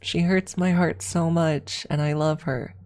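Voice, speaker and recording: Speaking at a measured pace with fairly even intonation, a streamer with a low, darkish voice replies to viewers during an ASMR livestream. She chats loosely and effusively, heaping hyperbolic praise like an eager fan.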